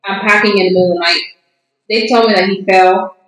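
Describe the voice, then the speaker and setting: A young woman telling a funny story on a podcast, animated and laughing often. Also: mid-range voice, quick pace. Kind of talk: casual comedic storytelling. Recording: echoey room.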